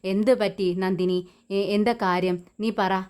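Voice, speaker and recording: A woman's voice: mid-range voice, steady tone, slow pace, a little mellow, clear, resonant tone, natural voice. A woman reading the part of a stern older mother of the household, in a scolding tone.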